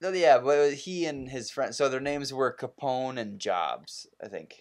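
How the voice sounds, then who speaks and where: A man's voice: mid-range voice, lively intonation. A young man hosting a casual podcast chat, telling a story with jokes and teasing remarks. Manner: joking, quick teasing remarks. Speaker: podcast host.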